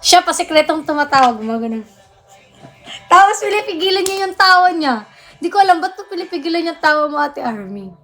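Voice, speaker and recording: A woman's voice: very high voice, animated, a little fast, fairly bright tone, soft background music. A young woman hosting a casual livestream, chatting, answering viewer comments and thanking gifters. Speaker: livestream host.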